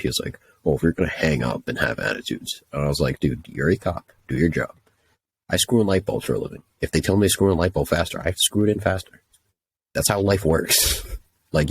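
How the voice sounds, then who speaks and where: A man's voice: a bass voice, slightly rough. A young man telling a story casually, ranting in an exasperated, profane way. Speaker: podcast host telling a story.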